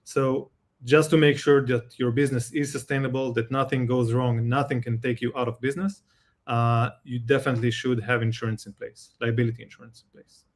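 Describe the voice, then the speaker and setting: A man with an Israeli accent, a guest expert in a live Q&A, explaining calmly with examples and halting rephrasing. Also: mid-range voice.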